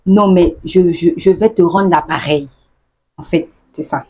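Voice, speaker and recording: A woman vlogger who laughs often and acts out the phrases she explains in a casual, lively way. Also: fairly low pitch, unhurried, a little hiss or hum. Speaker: YouTuber explaining local slang.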